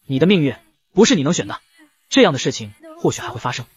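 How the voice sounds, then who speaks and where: A man's voice: fairly high pitch, very animated, quick pace, slightly rough, dull audio, heavily acted. A man voicing a cold, aloof young man with lightning powers in a comic retelling, speaking curtly and bluntly. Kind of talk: storytelling narration of a comic.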